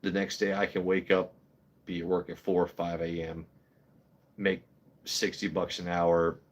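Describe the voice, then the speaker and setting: A man in his thirties hosts a laid-back whiskey livestream, speaking bluntly with plenty of swearing and wandering tangents. His voice is deep and level, and he takes his time.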